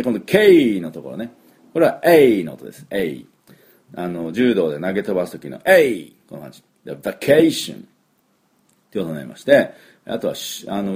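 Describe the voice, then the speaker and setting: A middle-aged man giving a chatty English pronunciation lesson, with drawn-out fillers and model words repeated for the listener to copy. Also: sits low, sing-song, darkish tone. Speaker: English teacher.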